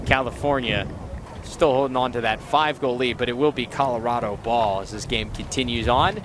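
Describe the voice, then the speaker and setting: A man calling play-by-play at an outdoor lacrosse game, brisk and self-mocking. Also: mid-range voice. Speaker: play-by-play commentator. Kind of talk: live sports commentary. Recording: loud crowd and field noise.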